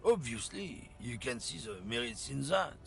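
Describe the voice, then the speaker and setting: A man's voice: mid-range voice, very animated, gravelly, faint music behind. An actor playing a scornful, bigoted middle-aged man who lectures on racial superiority with a heavy, vaguely continental accent. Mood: lecturing. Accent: heavy continental European-sounding accent. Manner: sneering, lecturing, drawn-out swoops.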